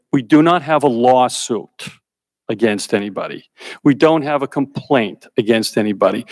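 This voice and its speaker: A man testifying at a congressional hearing, speaking deliberately and stressing key points by repeating them. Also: medium pitch. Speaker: hearing witness. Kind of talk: prepared testimony.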